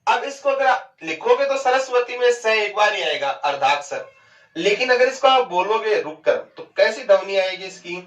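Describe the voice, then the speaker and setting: A man teaching Hindi grammar in a lecture. He asks questions and answers them himself, and he draws words out slowly to show how they sound. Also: sits high, lively intonation, fairly bright tone, distant mic. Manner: stretches out words to show pronunciation. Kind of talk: classroom lecture. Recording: dull, echoey and off-mic.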